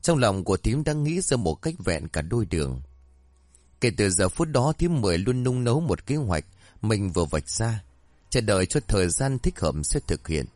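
A man narrating a ghost story with expressive delivery. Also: on the low side, moderate pace, no room sound.

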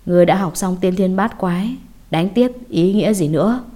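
Woman voicing a weary, mellow old Taoist master. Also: fairly low pitch, lightly acted. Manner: tired, sighing, slow to explain. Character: weary elderly male Taoist master, grudging and unhurried.

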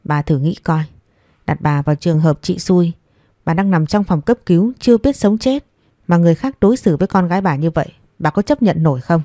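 A woman's voice: lowish voice, expressive, brisk, dark tone, dry recording, clean studio sound, lightly acted. A woman voicing a stern old father who rebukes his wife firmly. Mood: angry. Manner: stern, firm, reproachful. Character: stern old father, strict family head.

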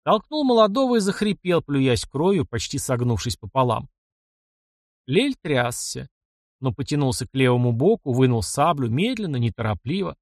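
A man reading a dark fantasy audiobook with expressive narration. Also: mid-range voice, normal speed, dry recording, clean studio sound.

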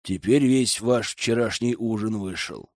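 A man's voice: on the low side, a little slow, darkish tone, no room sound, studio quality. A man doing a timid, anxious young witch. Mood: sympathetic. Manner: anxious, apologetic. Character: timid young witch student in a man's body. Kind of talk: audiobook character voice.

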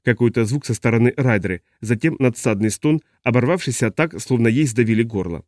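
A man's voice: medium pitch, brisk, dry recording. Male audiobook narrator, dry sound. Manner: steady, even reading voicing several characters. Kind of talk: scripted narration.

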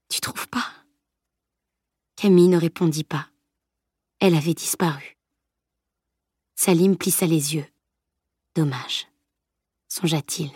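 A woman's voice: lowish voice, darkish tone, breathy edge, no echo, clean studio sound. A woman narrating an audiobook with a tense, dramatic reading.

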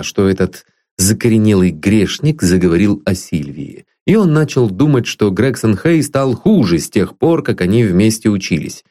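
A man's voice: on the low side, dark tone. A man reading a novel aloud as an audiobook narrator, telling the story expressively.

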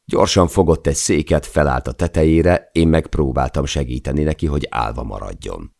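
Deep gravelly male audiobook narrator. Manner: measured, steady first-person reading.

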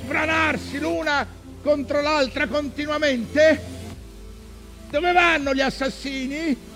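An old whaling captain, worn out yet obsessed, in a theatrical monologue. His voice is high for a man and moves slowly through anguished, declamatory phrases. Music plays behind him. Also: steady tone, fairly bright tone, exaggerated voice. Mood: defiant, questioning. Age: older. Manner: declamatory, anguished, swinging from murmurs to cries.

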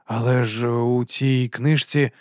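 A man's voice: medium pitch, steady tone, takes it slowly, darkish tone, no echo, studio quality, close to an everyday voice. A man doing Carrot, an eager naive recruit. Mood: earnest, puzzled. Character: young earnest giant of a man, naive recruit.

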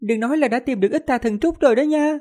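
Man voicing a playful high-voiced princess for an audiobook, coy and teasing. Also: quick pace, warm tone.

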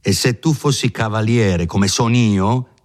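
Man doing a snooty noble gent, bossy and scornful, deep voice. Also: measured pace, close to an everyday voice. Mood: haughty, scornful. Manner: haughty, commanding, contemptuous. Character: arrogant noble gentleman, imperious and scornful.

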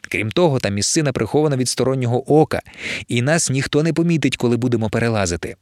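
A man's voice: mid-range voice, expressive, fast, a little mellow, no echo, clean studio sound, close to an everyday voice. A man voicing a feisty, scolding female dwarf in an audiobook. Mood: bossy. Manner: shrieking, scolding.

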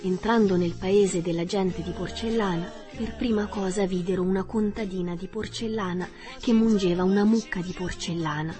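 A woman narrating a story aloud in calm, measured audiobook style. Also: mid-range voice, faint music behind. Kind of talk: audiobook reading.

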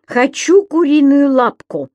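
A woman's voice: sits high, expressive, slow, a little mellow, dry recording, highs cut off, pitched above the performer's own voice. Woman doing a flustered stammering lodger. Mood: eager. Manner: stammering, hesitant. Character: timid flustered grown man, a lodger.

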